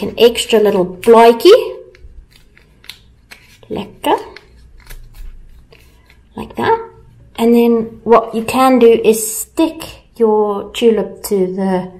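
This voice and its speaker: A woman's voice: a little high, mellow. A woman with a South African accent presenting a paper craft tutorial in an easygoing, chatty way, dropping in local slang.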